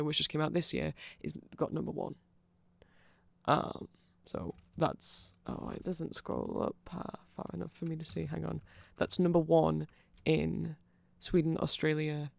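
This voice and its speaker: This man's voice sits on the high side and sounds gravelly, with no echo. He's an ASMR creator explaining band lore in a rambling, nerdy, informal way, often hesitating and cutting himself off.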